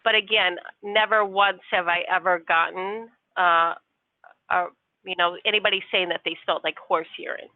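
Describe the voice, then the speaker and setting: Speaking through a phone, a customer service worker replies with patient courtesy and a bit of hesitation. Her voice is lowish and steady at a moderate pace, and the sound is dry and tinny like a phone line.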